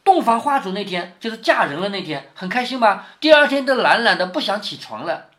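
A man's voice: sits high, big pitch swings, fairly quick, sharp tone. A man reading a classic novel aloud to his daughter, stopping often to explain it and check that she follows. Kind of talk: storytelling with explanations.

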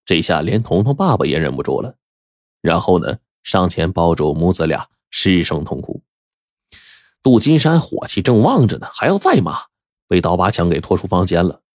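A man telling a story in a lively, colloquial way. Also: low-pitched, normal speed, no room sound, clean studio sound. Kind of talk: casual spoken storytelling.

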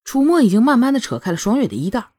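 A woman narrating a romance novel chapter in an expressive storytelling manner. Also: fairly high pitch, racing. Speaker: audiobook narrator. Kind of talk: scripted narration.

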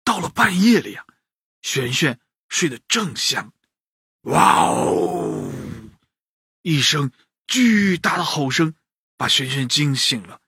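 A man narrating a children's bedtime story, lively and speaking to the kids directly. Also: on the high side, a little slow, breathy edge, no echo, clean studio sound.

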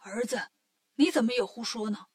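A woman voicing a hot-tempered middle-aged male heavenly king in a children's story, speaking loudly and indignantly. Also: on the high side, normal speed, husky. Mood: flustered.

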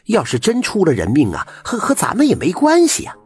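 Man putting on a shrill, preachy old auntie. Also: wildly swooping pitch, a little fast, darkish tone, slightly rough, exaggerated voice. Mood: indignant. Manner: shrill, self-justifying. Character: outspoken, self-righteous older village woman.

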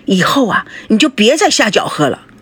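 A woman's voice: fairly high pitch, sing-song, moderate pace, fairly bright tone, husky, dry recording, pitched above the performer's own voice, exaggerated voice. Woman doing a fussing, shrewd mother. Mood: scolding. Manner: fussing, persuasive. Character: shrewd middle-aged mother, fussing and scheming.

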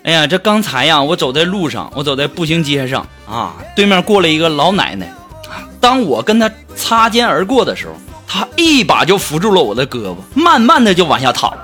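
A male host of a radio comedy show, telling comic stories in an animated, exaggerated way and laughing along. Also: fairly high pitch, fairly quick, soft background music. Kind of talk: comic storytelling.

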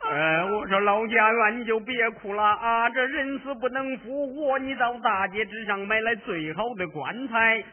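A meek, henpecked young master. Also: male voice, sits high, normal speed, few pauses. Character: weak-willed young master, henpecked husband. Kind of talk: Henan opera spoken dialogue. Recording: tinny phone-like recording.

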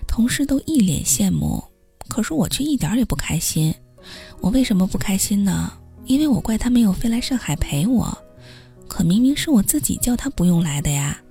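A woman's voice: mid-range voice, big pitch swings, fairly quick, gravelly, dark tone, husky, soft background music. A woman reading a first-person story aloud as a podcast host, with a wry, self-mocking manner.

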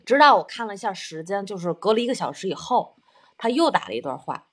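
Woman, mid-pitch, slightly raspy; reflective, earnest storyteller in casual conversation. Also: sing-song, fast. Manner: earnest, self-reflective, explains at length.

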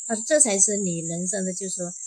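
Husky middle-aged woman telling her story. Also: medium pitch, fast, no room sound, rough recording. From Jiangxi, China. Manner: lively retelling, acting out quoted dialogue. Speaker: interview guest. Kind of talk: personal storytelling in conversation.

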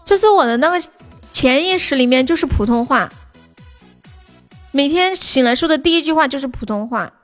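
High-voiced playful young woman streamer. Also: expressive, normal speed, pauses often, soft background music. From Sichuan, China. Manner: playful, giggly, yelps and shrieks mid-game. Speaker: livestreamer. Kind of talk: casual livestream chat while gaming.

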